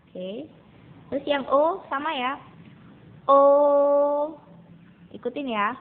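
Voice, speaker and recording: A woman's voice: sits high, expressive. Woman teacher on a tinny recording. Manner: patient, repeats drills slowly for students. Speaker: Mandarin teacher. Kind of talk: recorded classroom lesson. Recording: tinny phone-like recording with faint noise.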